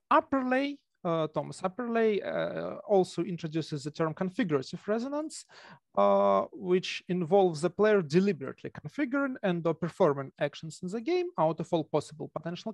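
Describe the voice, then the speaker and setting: A man in his thirties with a thick Russian accent, giving an academic presentation haltingly over a video call. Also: high-pitched, very animated, vocal fry, no room sound. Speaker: conference presenter, academic researcher. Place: home room with bookshelves. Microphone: headset on a video call.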